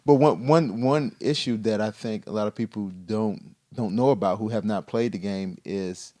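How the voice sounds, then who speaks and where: A man who used to play football, talking in a casual podcast discussion, halting with many fillers and restarts. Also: on the low side, warm tone. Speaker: guest, former football player.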